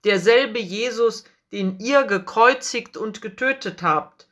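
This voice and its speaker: A woman's voice: fairly high pitch, slow pace, fairly bright tone. A woman voicing the apostle Peter as a bold, earnest man in a storybook reading, speaking firmly. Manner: firm, earnest declaring.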